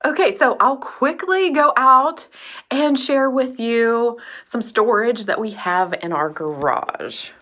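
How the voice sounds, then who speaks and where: A middle-aged woman vlogger chatting casually as she shows her home storage, relaxed and laughing at herself. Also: a little high, slow. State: a little out of breath. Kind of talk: casual home tour narration.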